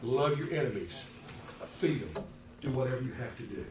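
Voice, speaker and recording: Older pastor preaching in an echoey church. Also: male voice, medium pitch, normal speed, background noise. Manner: folksy, animated, acts out dialogue. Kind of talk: sermon. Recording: echoey church room from far off.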